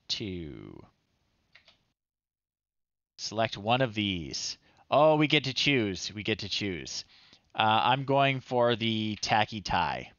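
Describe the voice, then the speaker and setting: Casually commentating a game on his live stream, a man in his thirties reads screen text aloud and adds playful, amused asides as host of a retro game show. His voice sits on the low side and is a bit bright. He's in a small room at home, and the close-up recording is dry and slightly dull.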